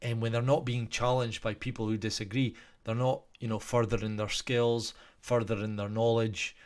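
A man's voice: mid-range voice, little pitch movement, moderate pace. A man with a Scottish accent talking casually to his viewers in a rambling way, full of restarts and fillers. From Scotland.

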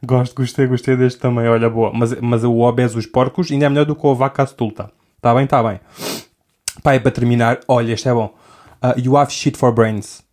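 His voice is mid-range, slightly mellow, and level, running a little fast. The young host, who has a European Portuguese accent, rambles through a comedic podcast monologue, cutting into his own sentences and laughing frequently.

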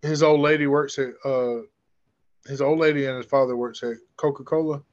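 A man's voice: medium pitch, steady tone, fairly quick. A man co-hosting a podcast, trading crude, joking banter over a video call. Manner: brash, joking. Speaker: podcast co-host. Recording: muffled lo-fi call audio.

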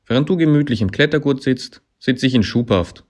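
A man voicing a sarcastic male climbing hold that talks back, dry and mocking, growing into loud accusations. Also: low-pitched, animated, drawn-out words, full character voice. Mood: bitter.

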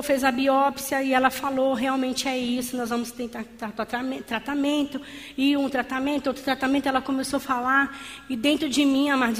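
A woman giving a fervent sermon-style testimony in church, calling her listeners beloved. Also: high voice. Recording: long hall reverb.

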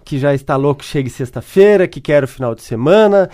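A man with a Brazilian Portuguese accent answers interview questions as a customer service speaker. He explains his points by telling stories and worked examples, in a voice pitched a little high for a man. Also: expressive, fairly quick, mellow.

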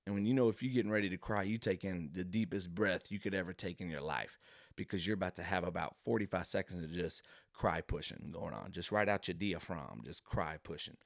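A man spinning a comic story with a lowish voice, wandering off on slangy tangents and talking straight to the listener. His delivery is animated and loose. The sound is dry and close, with no room echo. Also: a little fast, vocal fry. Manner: animated, rambling, slangy asides. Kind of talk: comedic storytelling monologue.

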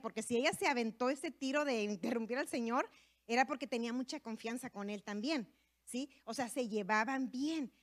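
A woman giving a conversational sermon to women, sprinkling in tag questions and fillers as she talks. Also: high voice. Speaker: women's ministry speaker.

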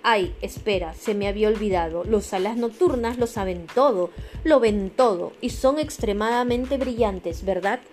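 A woman's voice: mid-range voice, normal speed, few pauses, a little mellow, natural voice. A woman doing a sarcastic young dragoness. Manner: sarcastic, dry, mocking. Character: young female dragon, sarcastic, guarded, proud.

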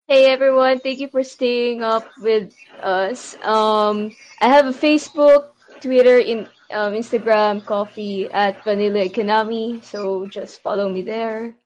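Soft-spoken woman with a high voice. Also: steady tone, a little slow, few pauses, low-quality recording. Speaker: cosplayer guest. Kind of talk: casual chat.

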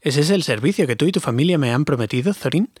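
A man voicing a small, timid male hobbit who talks in a higher, fussy, pleading way. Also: animated, fast talker, darkish tone, breathy edge, no room sound, clean studio sound.

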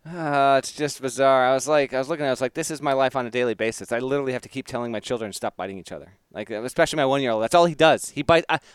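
A man's voice: medium pitch, very fast, hardly any pauses, clear, resonant tone, dry recording, clean studio sound. A man in his thirties, co-hosting a casual sports podcast, with wry, joking banter. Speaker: podcast co-host.

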